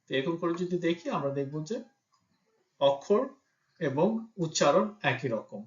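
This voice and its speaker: Guy teaching pronunciation real slow, says each word on its own, roomy echo. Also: on the high side, expressive, highs cut off. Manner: slow and patient, spelling out sounds and example words one by one. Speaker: language teacher. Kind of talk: teaching Italian pronunciation in Bengali.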